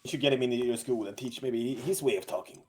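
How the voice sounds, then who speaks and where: A man playing a blunt, excitable settler with a Turkish accent and halting English in a live roleplay. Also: medium pitch, a little hiss or hum, close to an everyday voice. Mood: teasing. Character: Turkish settler, blunt, jumpy, protective husband. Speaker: roleplay character.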